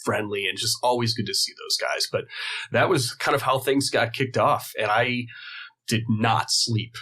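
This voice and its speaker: Bright-voiced man telling animated stories. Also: medium pitch, normal speed. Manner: animated storyteller who acts out quoted people. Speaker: guest luthier. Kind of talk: casual storytelling.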